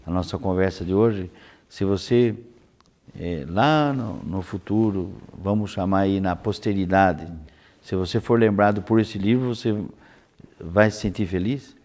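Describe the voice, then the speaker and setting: A man São hosting an unscripted conversational interview, haltingly repeating words as he searches for phrasing. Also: low-pitched, darkish tone. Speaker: interview host.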